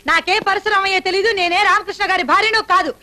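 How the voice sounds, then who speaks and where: An actress playing a sharp, indignant dance teacher and wife in a family film drama. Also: female voice, very high voice, fairly even intonation, quick pace. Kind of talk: Telugu film dialogue.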